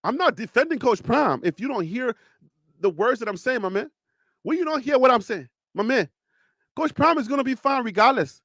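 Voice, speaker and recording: In casual live-stream commentary, the host, a man with a Liberian accent, argues emphatically, mixing in teasing and rhetorical questions. He speaks at a moderate pace with an animated voice whose pitch goes up when he pushes a point. There's no room sound.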